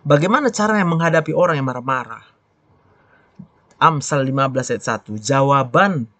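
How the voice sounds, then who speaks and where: A man giving a preaching talk on a live stream, swinging from loud exclamations to soft, quiet asides. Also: mid-range voice, expressive, normal speed, dry recording.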